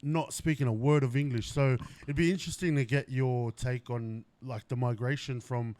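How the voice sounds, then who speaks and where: A man's voice: medium pitch, steady tone, moderate pace, darkish tone, dry recording. A man hosting a podcast interview, chatty and eager, often saying "like" and "you know what I mean.". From Australia. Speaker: podcast host. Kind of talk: casual interview chat. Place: indoors at a company's headquarters.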